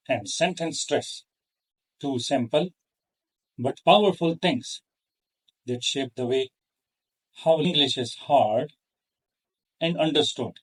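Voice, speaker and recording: A man hosting an English pronunciation lesson, speaking in a careful, measured way with pauses between phrases. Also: mid-range voice, far from the mic. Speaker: host, English teacher. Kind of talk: slow deliberate lesson.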